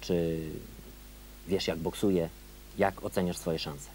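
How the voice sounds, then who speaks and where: A deep, dark-toned man hosting a local sports interview, putting his questions in long, winding sentences. A faint hum runs behind him, as on an old 1990s video tape. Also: level tone, slow. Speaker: TV sports reporter.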